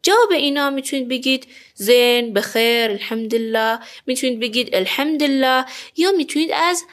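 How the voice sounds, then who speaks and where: Woman teaching phrases, repeating slowly. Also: high voice. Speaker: language teacher. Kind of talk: spoken language lesson.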